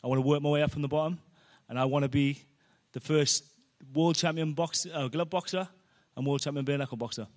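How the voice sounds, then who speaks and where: Welsh fighter being interviewed, earnest, stumbles a bit, voice a touch high. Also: male voice, steady tone, a little fast. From Wales. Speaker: boxer guest. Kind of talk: interview answers. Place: indoor arena venue.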